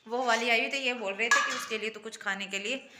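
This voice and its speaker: A woman's voice: on the high side, quick pace, very noisy. A woman, chatting casually to her viewers as she films her garden and home. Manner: chatty, keeps saying "look" and "guys" to viewers. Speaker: family vlogger. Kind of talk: casual home vlog tour. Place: home garden on a foggy day, then indoors.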